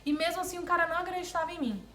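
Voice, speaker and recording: High-voiced woman telling a travel story. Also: rapid-fire, reverberant, soft background music. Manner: animated, repeats words for emphasis, addresses viewers as "gente". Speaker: travel vlogger. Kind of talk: casual storytelling to viewers.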